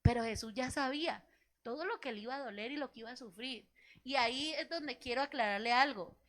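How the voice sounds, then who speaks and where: A woman's voice: sits high, fairly quick, a bit bright. A woman pastor giving a sermon in a church, telling a personal story, acting out what people said, and asking the congregation questions. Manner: storytelling, acts out quoted dialogue; asks the congregation rhetorical questions.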